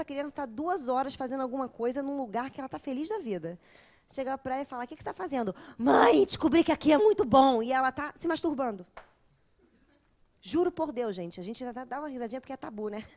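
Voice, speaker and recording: A woman, a therapist lecturing a class in a lively way, often acting out children and mothers. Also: sits high. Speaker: teacher of a psychology course.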